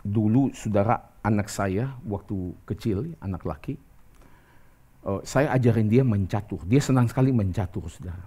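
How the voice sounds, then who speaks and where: Middle-aged man, pastor, sermon, conversational, animated pitch jumps, acted-out dialogue. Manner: conversational preaching, lively jumps in pitch, acts out quoted dialogue.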